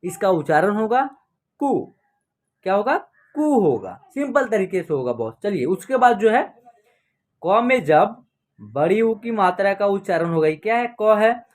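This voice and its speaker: A woman teaching an online alphabet lesson, slowly drawing out each syllable and often checking in with the listener. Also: medium pitch, a little mellow. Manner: slow, drawn-out syllable demonstrations with frequent check-ins.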